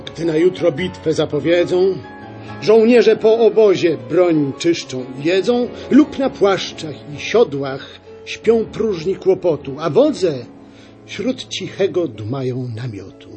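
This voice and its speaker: A man reads epic verse slowly in a mellow, dark voice set fairly high. His delivery is measured and calm, with faint instrumental music underneath. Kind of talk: audiobook reading of epic verse.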